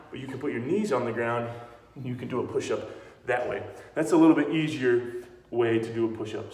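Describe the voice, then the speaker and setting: A man talks through simple exercises at home in a casual, friendly coaching voice that encourages his young listeners. His pitch sits in a middle range. The room is roomy, with a long reverb trailing every word. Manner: friendly, encouraging, addresses kids directly. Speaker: sports coach.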